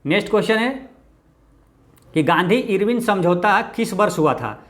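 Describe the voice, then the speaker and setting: A man with a Bihari Hindi accent teaching exam-prep quiz answers, often dropping low and quiet for "keep this in mind". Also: expressive, normal speed. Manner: repeats "ye dhyan rakhna hai" with a low, quiet drop.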